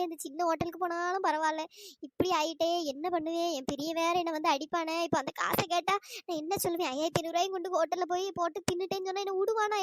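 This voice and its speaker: A wailing woman, squeaky and fast. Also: dry recording, studio quality. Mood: lamenting. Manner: wailing, complaining, sharp-tongued. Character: village woman who overpaid a hotel bill, lamenting and scolding. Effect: pitch-shifted voice. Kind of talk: cartoon storytelling voice acting.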